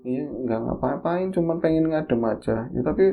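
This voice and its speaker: A man's voice: a little high, moderate pace, gravelly, phone-quality sound. A man hosting a podcast, casually telling a horror story and acting out the people in it. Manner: lively, acts out quoted voices. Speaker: podcast host.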